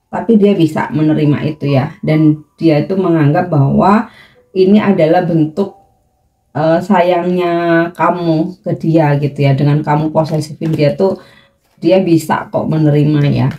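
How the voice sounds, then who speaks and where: A woman giving a casual tarot reading, chatty and easygoing, with drawn-out fillers and light laughs. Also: low voice, fairly even intonation, warm tone. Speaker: tarot reader.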